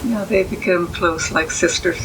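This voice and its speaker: An elderly American woman, a veteran remembering her service in a halting way during an oral history interview. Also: on the low side, fairly even intonation, noisy background. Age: 80s or older. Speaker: army veteran being interviewed.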